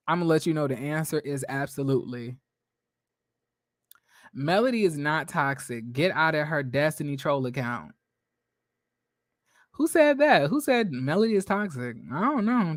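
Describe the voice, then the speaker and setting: A man's voice: sits high, no echo, studio quality. Blunt, sassy man recapping reality TV. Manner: blunt, sassy and profane, with rhetorical questions and frequent restarts. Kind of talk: livestream reality TV recap commentary, reading viewer comments.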